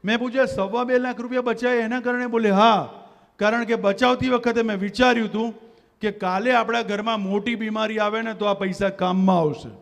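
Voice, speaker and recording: A man's voice: sits high, fairly even intonation, brisk, gravelly. A man giving a motivational stage talk at a community gathering, rousing the crowd and leading them in call-and-response. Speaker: motivational speaker. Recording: long hall reverb.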